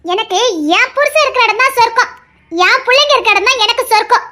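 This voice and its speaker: A woman's voice: very high voice, lively intonation, fast, sharp tone, exaggerated voice. A woman voicing a stubborn, loving young wife in an audio drama, talking earnestly and insistently. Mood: devoted, pleading.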